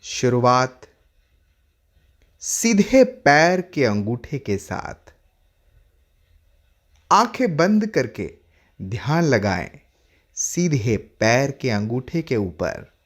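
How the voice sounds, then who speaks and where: A male yoga instructor with a medium-pitched, sing-song voice leads a guided relaxation, giving short instructive phrases separated by long pauses.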